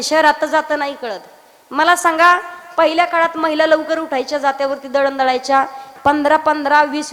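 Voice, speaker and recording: A woman from Maharashtra, preaching a kirtan sermon and teasing her listeners with acted dialogue and loud outbursts. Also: high voice. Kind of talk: Marathi kirtan sermon with sung verses. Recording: reverberant hall.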